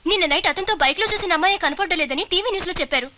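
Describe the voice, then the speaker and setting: A woman's voice: extremely high pitch, racing, pushed and bright, slight background noise. An actress playing a worried young woman who urgently warns her friend. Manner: urgent, insistent.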